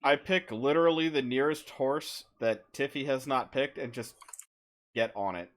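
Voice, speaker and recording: Man, tabletop player, dry offhand humor, mid-pitched voice. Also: normal speed. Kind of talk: playing a tabletop game.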